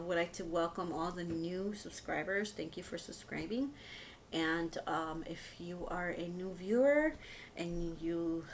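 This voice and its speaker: On the low side, her voice comes with a faint hiss or hum. This fifty-something host of a home and shopping video channel rambles casually and hesitantly as she talks to viewers.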